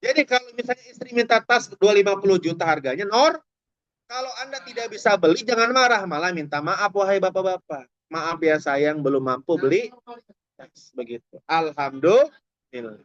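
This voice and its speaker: A man's voice: high-pitched, expressive, brisk, fairly bright tone, no room sound. A man preaching a humorous, chatty sermon, speaking straight to the audience. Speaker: Islamic preacher. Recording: dull, dry lo-fi recording.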